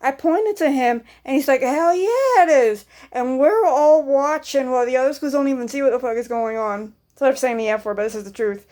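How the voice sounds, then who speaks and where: A young woman with a slightly high voice tells a rambling story in a casual vlog. She repeats herself, doubles back on her words and swears offhandedly as she goes. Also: fairly even intonation, fast talker, hardly any pauses, a little mellow. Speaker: vlogger.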